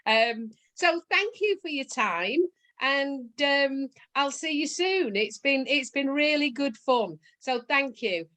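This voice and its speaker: A woman's voice: high voice, expressive, slow, sharp tone. A woman hosting a casual interview, chatty and rambling as she signs off. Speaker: host.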